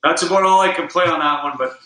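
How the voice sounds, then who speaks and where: A man's voice: a little high, quick pace, music in the background. A man guest-hosting a podcast, chatting casually and easily with fillers. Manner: easygoing, rambling with fillers. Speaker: guest host and guitar player. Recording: roomy echo.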